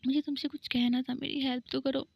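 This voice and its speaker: A playful, clingy young woman who slides into whining when her mood dips, as a woman narrator puts her on. The voice sits a little high with a gravelly fry. The recording is dry and dull, like a lo-fi home mic. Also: little pitch movement, fast talker, no echo. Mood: whiny. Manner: playful, whiny.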